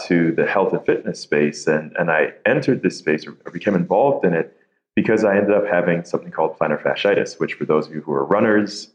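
A tech founder from Nigeria and the Bahamas, speaking in an extremely low voice, casually tells his story as a podcast guest. He's self-deprecating, laughs easily, and often repeats words as he starts. The audio is roomy and dull.

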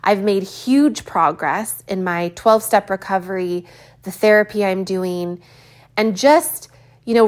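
A woman in her early forties talking candidly in a reflective personal vlog, thinking aloud with pauses and fillers. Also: medium pitch. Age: 40s. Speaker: vlogger.

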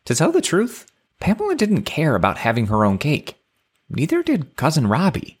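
A man's voice: fairly high pitch, huge pitch swings, moderate pace, husky. A man reading a children's story aloud.

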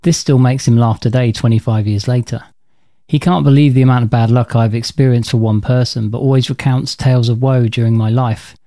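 A man in his forties with a mellow, relaxed timbre, recorded close and dry with no room around him. He hosts his own podcast and reads his stories from a script in a dry, matter-of-fact way, at an ordinary middle pitch. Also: a little fast, no room sound. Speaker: podcast host. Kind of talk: scripted personal storytelling.

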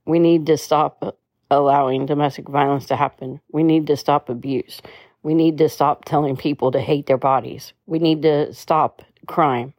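A woman with a low, mellow voice delivers a spoken-word protest piece line by line. Her tone is earnest and measured, with small stumbles and restarts. The recording is dry and close. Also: fairly even intonation, no echo.

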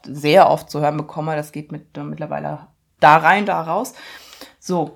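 A woman's voice: on the low side, vocal fry. Chatty woman telling a story. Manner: chatty, rambling, with frequent fillers and laughs. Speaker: online fitness and mindset coach. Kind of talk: casual storytelling monologue.

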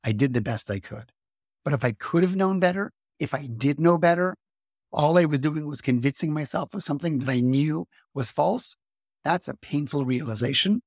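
A man hosting a podcast, explaining ideas in an earnest, steady lecture style. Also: fairly high pitch, normal speed, slightly rough, no echo, clean studio sound. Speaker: podcast host.

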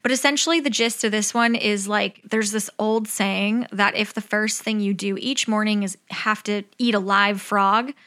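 Bright, upbeat woman giving candid vlog advice. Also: mid-range voice, steady tone, normal speed, few pauses. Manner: candid, informal, sweary. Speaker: advice vlogger. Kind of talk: casual chatty productivity advice to camera.

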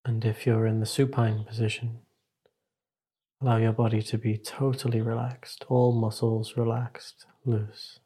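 A man guides listeners through meditation in a mid-range, husky voice, speaking as their teacher. His manner is calm and measured, with long pauses between instructions.

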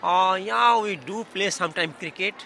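A man from India with a bright, slightly high voice. He answers politely, with hesitant pauses. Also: creaky, some chatter behind, slight background noise. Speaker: computer engineer.

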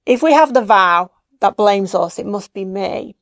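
Female interviewer, mid pitch, dry recording, thoughtful and searching questions. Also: animated, a little slow, dry recording. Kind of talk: conversational questioning.

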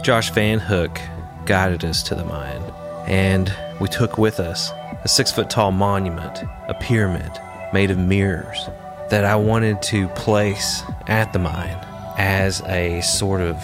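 A man hosting a podcast, reading scripted narration in a measured, earnest way. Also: sits low. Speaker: podcast host. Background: music.

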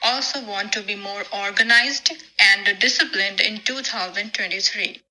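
Brief: woman, mid pitch, very bright, brisk. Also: poor audio. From India. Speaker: listener.

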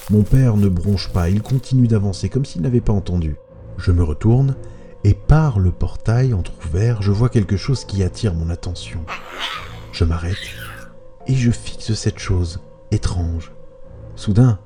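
A man with a low, very dark and mellow voice reads a spooky first-person tale aloud. His telling is hushed and suspenseful, and soft music plays faintly under him. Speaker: storyteller. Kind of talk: scripted first-person horror narration.

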